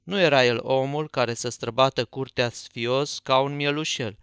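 Clear-voiced male audiobook narrator. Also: mid-range voice, no echo, studio quality. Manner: folksy, even storytelling. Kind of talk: scripted first-person narration.

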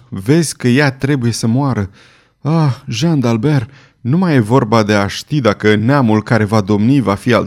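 A man's voice: medium pitch, darkish tone, natural voice. Cold commanding queen, ruthless schemer in a storybook reading, read by a man; casting: plain audiobook reader doing her lines. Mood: vengeful. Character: scheming ruthless queen, middle-aged woman.

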